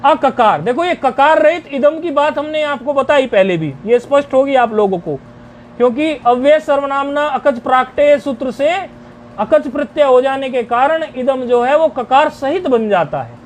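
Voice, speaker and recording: A man teaching a grammar lecture, explaining rules deliberately and chanting each rule syllable by syllable. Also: very high-pitched, animated, a little hiss or hum.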